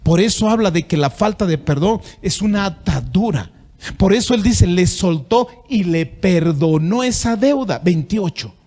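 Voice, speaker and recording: A man's voice: expressive, measured pace, a little mellow. A man with a Bolivian Spanish accent preaching a sermon as pastor, reading scripture aloud and repeating words as he searches for phrasing. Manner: preaching with rising emphatic pitch when reading scripture.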